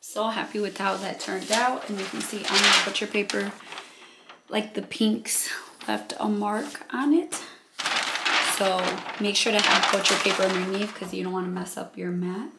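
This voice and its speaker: A woman hosting a craft video, explaining each step in a relaxed, thinking-aloud way and a bit out of breath. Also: medium pitch, normal speed, gravelly, background noise. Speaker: crafting channel host. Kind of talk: casual how-to narration.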